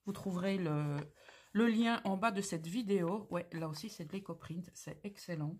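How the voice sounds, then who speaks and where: A woman's voice: lowish voice, moderate pace, darkish tone, slight background noise. Gushing woman hosting a craft unboxing. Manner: gushing, exclamatory, slangy. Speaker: craft channel host. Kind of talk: casual unboxing commentary.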